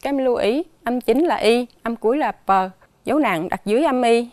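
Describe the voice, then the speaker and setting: Clear, slow-spelling woman teacher. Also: a little high, a little mellow, no room sound, studio quality. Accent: Southern Vietnamese. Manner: slow, careful spelling-out of sounds and tones. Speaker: primary school teacher. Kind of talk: dictation lesson for children.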